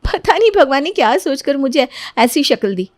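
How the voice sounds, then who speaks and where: A woman's voice: high-pitched, sing-song, normal speed, dry recording. A woman voicing a cheerful young woman in a cartoon story, who talks lightly and easily. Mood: fretting. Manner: light, easygoing, pleading. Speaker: Sonia, the niece.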